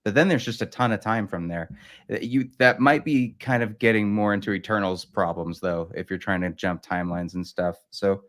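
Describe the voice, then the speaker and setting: A man's voice: fairly low pitch, moderate pace, a bit bright. A man chatting as a guest in a casual talk, wry and jokey. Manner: jokey, wry, laughs often. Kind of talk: casual chat.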